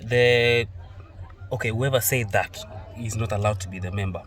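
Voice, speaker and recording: A man's voice: fairly low pitch, normal speed, fairly bright tone, a little hiss or hum. Male host, reaction commentary, rambling self-corrections, slightly distant from mic.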